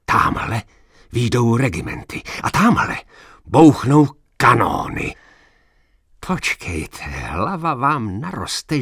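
A secretive old quarryman confides ghostly sights, voiced by a male storyteller. His voice is breathy and close, sinking to near-whispers and then climbing high with insistence. The recording is dry and intimate. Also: no echo, exaggerated voice. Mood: eerie, insistent. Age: older. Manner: hushed, confiding, rising to urgent. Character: old quarryman, hushed and knowing, telling of ghosts.

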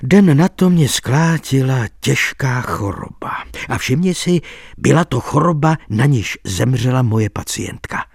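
A man's voice: medium pitch, creaky, husky, no room sound, studio quality. A man reading an audiobook voices an earnest, insistent male doctor telling of a ghostly night.

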